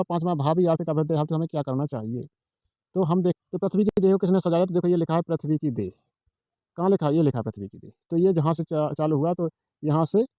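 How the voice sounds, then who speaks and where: A man's voice: on the high side, warm tone, dry recording, clean studio sound. A man giving an informal exam-prep tutorial. He repeats himself, asks his own questions and answers them, and points along a page line by line. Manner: walks through a page, pointing at lines.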